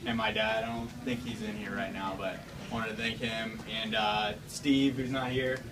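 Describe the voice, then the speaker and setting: A man, the artist at a show opening, giving a casual, halting thank-you speech. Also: on the low side, little pitch movement, background noise. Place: gallery room at a live event. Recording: distant mic, crowd in room.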